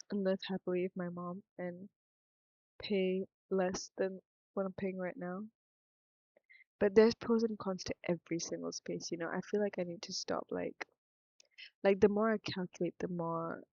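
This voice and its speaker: In her vlog, a young woman with a Singaporean accent wanders through her thoughts out loud, speaking frankly and interrupting herself. Her voice is fairly low and warm, captured in a dry, lo-fi recording.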